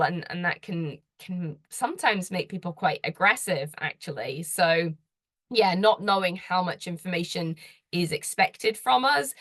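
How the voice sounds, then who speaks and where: Speaking on the low side, this woman gives advice while presenting slides, earnest and conversational, posing questions straight to her audience. Her volume rises with her enthusiasm, and the studio-quality recording has no room sound.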